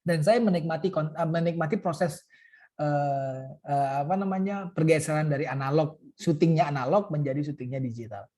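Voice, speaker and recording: Mellow-voiced man, joking webinar speaker. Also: a little high, moderate pace. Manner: casual, joking, many fillers. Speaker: guest speaker. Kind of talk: webinar talk.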